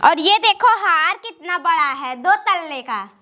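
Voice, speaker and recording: A woman's voice: very high voice, lively intonation, measured pace, pushed and bright, heavily acted. A woman with an Awadhi accent playing a pampered, newly married young daughter who shows off and whines in a comedy sketch. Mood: boastful. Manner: showing off, whiny.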